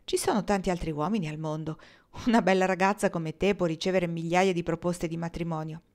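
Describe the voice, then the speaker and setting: A woman voicing a calm, motherly woman who speaks gently and frankly in an audiobook. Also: fairly low pitch, fairly quick, lightly acted. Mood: kind.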